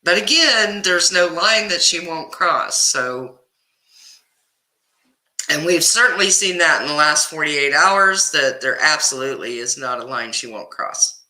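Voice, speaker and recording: A chatty woman from Kansas in the US Midwest, with a Kansas accent, hosts a livestream, reading chat, greeting viewers by name and laughing often. Her voice is described as both very bright and deep, highly animated with lots of rise and fall, at a measured pace. The room around her rings with echo.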